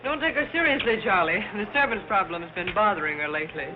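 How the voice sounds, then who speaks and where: A woman's voice: mid-range voice, fast talker, noisy background, close to an everyday voice. An actress playing a cool, sardonic society woman in teasing 1930s film screwball comedy banter. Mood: cool, needling. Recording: muffled 1930s film soundtrack, music behind.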